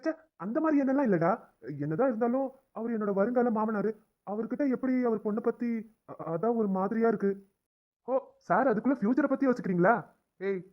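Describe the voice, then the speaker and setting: A man voicing brisk young cartoon doctors. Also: high voice, muffled recording, close to an everyday voice. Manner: brisk, chummy banter. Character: young male doctors, the hero and his friend. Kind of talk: cartoon drama dialogue.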